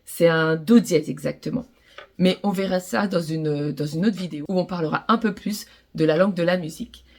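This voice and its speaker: Gentle French woman teaching ukulele to children. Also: lowish voice, a little fast. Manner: gentle, encouraging, addresses children directly. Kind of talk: children's music lesson.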